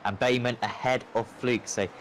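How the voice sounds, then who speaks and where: A male motorsport commentator calls a race play-by-play in an excitable style. His voice is mid-range and lifts with the action. Race car engines are clearly audible behind him. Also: medium pitch, moderate pace, slight background noise. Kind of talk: live sim racing commentary.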